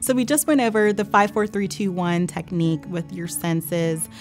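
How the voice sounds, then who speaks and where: A woman speaks as a therapist teaching a calming technique. Her voice sits a little on the low side, and her delivery is calm and gently instructive. Soft music plays faintly behind her. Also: moderate pace. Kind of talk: instructional explanation of a calming exercise. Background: background music.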